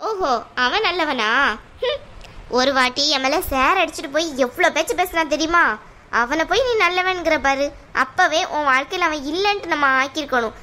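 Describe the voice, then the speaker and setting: A woman voicing a stubborn, hot-tempered younger sister in a cartoon, sharp and argumentative. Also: sits high, moderate pace. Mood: defiant. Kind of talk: cartoon voice acting.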